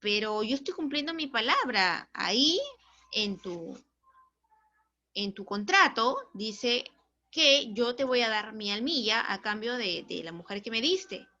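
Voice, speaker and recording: A sly, matter-of-fact old man of about seventy who outwits the devil, as a woman acts him out in a story. The tone stays bright and fairly high, and the recording sounds dull and lo-fi. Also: expressive, unhurried, exaggerated voice.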